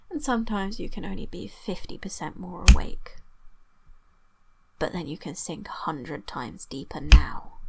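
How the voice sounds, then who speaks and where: A woman giving an ASMR hypnosis session in a breathy whisper, coaxing the listener with repetitive suggestions and lingering pauses, close to the microphone. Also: mid-range voice, rough recording.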